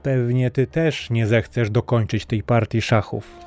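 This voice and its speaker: An older, jovial king from a fairy tale, acted by a male narrator, speaking fondly to his daughter with a light, joking touch. The tone stays dark and mellow, over quiet music. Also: medium pitch, fairly even intonation, unhurried, close to an everyday voice. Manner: fond and joking.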